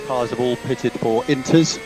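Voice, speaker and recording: Heard through a noisy team radio link, this race engineer talks in an unhurried, medium-pitched voice. His instructions to the driver are terse and repeated.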